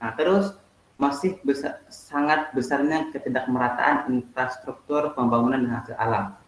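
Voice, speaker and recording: A man's voice: medium pitch, normal speed. Male teacher, chatty lecturing, roomy echo. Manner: explains with many "nah" and asides, asks students questions. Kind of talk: online class lecture. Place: home, online video class.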